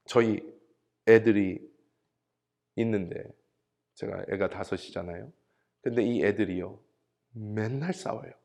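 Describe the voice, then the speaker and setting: A man's voice: on the low side, measured pace, gravelly, pauses often. A middle-aged man preaching a sermon as pastor in a church, telling stories and acting out the voices of the people in them. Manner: animated storytelling, acting out quoted voices. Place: church sanctuary.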